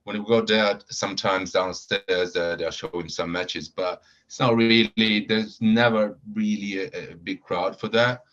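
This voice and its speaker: Guesting on a casual podcast, a supporters club founder speaks in a low, slightly bright voice, with fairly even intonation, a measured pace and few pauses. He hesitates a lot, filling in with repeated words and fillers, over dull lo-fi audio.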